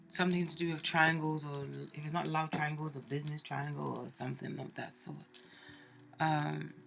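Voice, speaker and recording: Stuffed up from a cold, a woman with a low voice and vocal fry chats through a casual tarot reading, filling it with fillers and restarts. Background noise can be heard.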